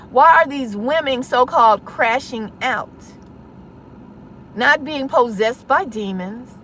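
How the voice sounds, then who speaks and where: A woman's high, fairly bright voice carries a little hiss or hum as she, an online content creator, delivers a passionate address to her audience. Confrontational and insistent, she presses each point with rhetorical questions.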